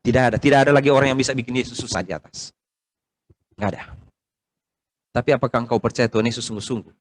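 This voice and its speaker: Pastor guy preaching, middle-aged, talks right to the congregation, mid voice. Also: breathy edge. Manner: conversational preaching, asks the congregation questions; swings between loud rising emphasis and quiet low asides. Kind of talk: sermon. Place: church service hall, streamed online.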